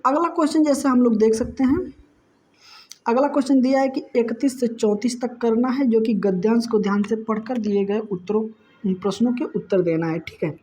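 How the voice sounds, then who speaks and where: A woman's voice: a little high, fairly quick, dark tone. A woman teacher going through exam questions in a chatty, explanatory way, often checking in with "okay". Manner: explains answers conversationally, repeats "ठीक है". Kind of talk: exam-prep lesson. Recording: dull lo-fi sound.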